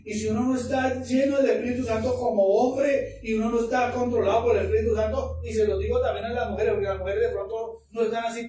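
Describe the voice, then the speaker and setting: A man's voice: high voice, mellow. A man, a pastor preaching an emphatic, fervent sermon full of repetitions. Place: church hall. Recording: echoey hall, distant mic, faint noise.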